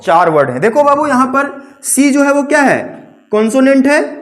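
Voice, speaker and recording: A man's voice: extremely high pitch, sing-song, moderate pace. A man teaching English grammar to a class, repeating his questions back to the students and calling them "babu". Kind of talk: classroom lesson.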